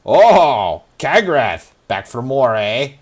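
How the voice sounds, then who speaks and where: A man's voice: medium pitch, sing-song, slow, pitched above the performer's own voice. A man voicing a short, greasy-haired human fight promoter who talks in a brusque, folksy, businesslike way. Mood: brisk.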